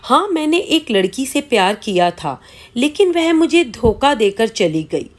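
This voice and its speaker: A woman's voice: a little high, big pitch swings, measured pace. A woman reading the part of a suspicious, jealous young husband in an accusing, angry voice. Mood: sullen.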